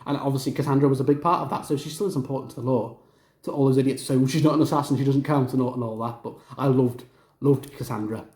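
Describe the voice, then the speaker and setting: Man, casual gaming commentary, enthusiastic, rambling, mellow tone, roomy echo. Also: medium pitch, fairly even intonation, fast talker. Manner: enthusiastic, rambling with many fillers and restarts. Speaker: gaming video host.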